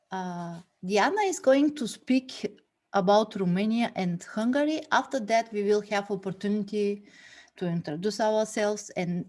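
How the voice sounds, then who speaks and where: Slow, hesitant woman hosting a meetup. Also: medium pitch, a little mellow. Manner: slow, hesitant, many fillers. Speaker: host of an online meetup. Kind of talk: hosting a video call meeting. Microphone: video call.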